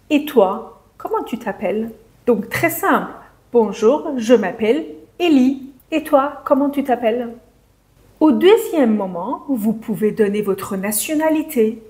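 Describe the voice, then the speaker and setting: A woman teaching beginners, who says each example sentence slowly and carefully. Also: a little high, dark tone. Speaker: French teacher. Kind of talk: slow, clear language lesson for beginners.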